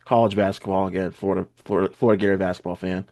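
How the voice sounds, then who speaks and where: A man's voice: deep voice, little pitch movement, very fast, gravelly, darkish tone. A young American man guesting on a podcast, talking in a laid-back, hesitant way with many fillers. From United States. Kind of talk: casual podcast chat.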